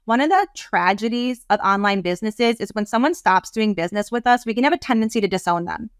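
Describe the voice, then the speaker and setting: A woman business coach talking as a podcast guest, animated, rambling and heartfelt. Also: medium pitch, fast, no echo, studio quality. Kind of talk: casual interview talk.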